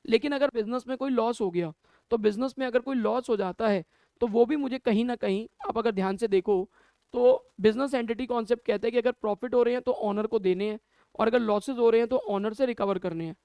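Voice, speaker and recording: A commerce teacher with a very high-pitched, mellow voice, clear and resonant, speaks fairly quickly in an accounting class, recorded on a camera mic with no echo. He talks to students, asks questions and answers them himself, mixing Hindi with English terms.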